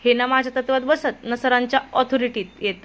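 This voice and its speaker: A woman's voice: fairly high pitch, steady tone, a little fast, lightly acted. Dinesh, an earnest honest young clerk, read by a woman. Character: young husband, an office clerk, honest and worried.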